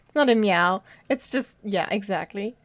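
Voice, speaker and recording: A woman's voice: medium pitch, normal speed. A woman streaming a video game, chatting casually with viewers, giggling often and talking to her cat. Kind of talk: casual live-stream chat while gaming.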